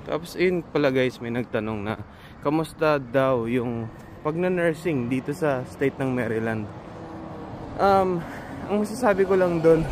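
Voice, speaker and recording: A man from the Philippines, a registered nurse and vlogger, chatting casually to his viewers and often pausing to search for words. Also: fairly high pitch, background noise. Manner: rambling, searches for words aloud.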